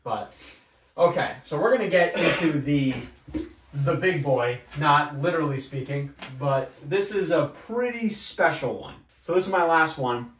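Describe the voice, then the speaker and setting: A man's voice: on the high side, measured pace, a little hiss or hum. A young man hosting a fishing channel, casually walking through his gear with lots of fillers, recorded at a table indoors by a camera across the room. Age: young adult. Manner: relaxed, chatty, many fillers. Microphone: far camera. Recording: roomy echo, voice far from mic.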